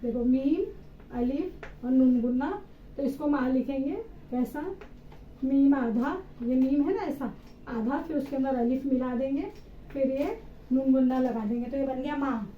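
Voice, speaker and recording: In an unhurried, high-pitched voice, a woman teacher walks children through reading step by step, patiently spelling letters and answering her own questions. A little hiss or hum comes through the roomy, slightly dull recording, which has faint ambience.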